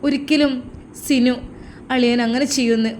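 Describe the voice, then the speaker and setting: An eager, caring younger sister who coaxes and pleads earnestly, as a woman acts her out. Her voice sits a little high, and this is an audio story. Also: steady tone, normal speed, darkish tone, slight background noise, close to an everyday voice. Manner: earnest, coaxing.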